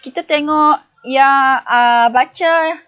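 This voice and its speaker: A woman's voice: high voice, slow pace, dull audio. A woman primary school teacher giving a recorded online lesson, patiently asking the pupils questions and answering them herself.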